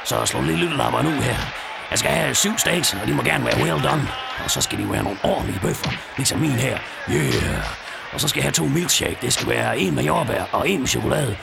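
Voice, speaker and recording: An actor voicing a boastful, muscle-bound hotel guest in a cartoon dub, ordering greedily. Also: male voice, medium pitch, lively intonation, music in the background. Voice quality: gravelly. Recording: hissy old dub track.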